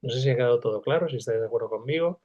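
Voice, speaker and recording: A man, a literature professor from Spain, lecturing over a video call and acting out the quoted lines with big jumps in pitch. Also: racing, lo-fi sound. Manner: animated, acts out quoted dialogue with sudden pitch jumps.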